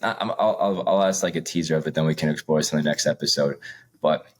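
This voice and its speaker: A young man with a fast-paced bass voice co-hosts a podcast. The chat is casual, and he rambles with lots of fillers and laughs between points.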